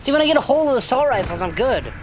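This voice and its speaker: A man with a raspy voice giving casual, self-deprecating and rambling commentary as he streams a video game. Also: extremely high pitch, big pitch swings, racing, background noise. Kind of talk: casual live gameplay commentary. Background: shooter game music and gunfire.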